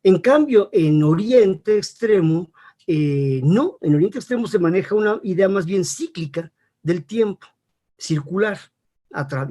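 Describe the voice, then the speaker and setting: Brief: male expert guest, a bit high in pitch, teacherly answers with frequent tag questions and measured hesitations. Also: darkish tone. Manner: didactic, checks in with frequent rhetorical tags. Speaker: interview guest, academic expert. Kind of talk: explanatory interview answer.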